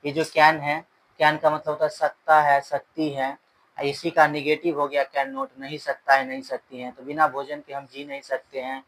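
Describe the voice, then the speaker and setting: A man teaching an English lesson in Hindi. He reads English words slowly, translates them, and repeats the grammar rules. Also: a little high, flat delivery, a bit bright, poor audio. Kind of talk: slow bilingual grammar lesson.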